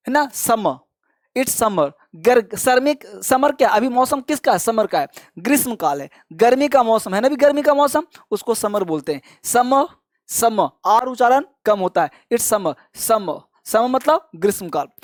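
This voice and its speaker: A man's voice: extremely high pitch, no room sound, clean studio sound. A man teaching spoken English, repeating each word over and over and urging listeners to say it back, with encouraging praise. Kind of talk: pronunciation drill lesson.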